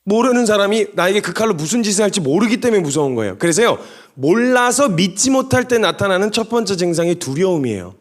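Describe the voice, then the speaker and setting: A man preaching a sermon to young adults, animated and storytelling with humorous asides. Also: high voice, fast talker.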